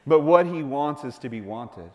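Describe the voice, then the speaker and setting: A man preaching a sermon, lively and playful, acting out the voices of the people in the story. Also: on the high side, normal speed, highs cut off. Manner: animated, playful, acts out voices of Bible figures. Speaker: pastor. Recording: long hall reverb.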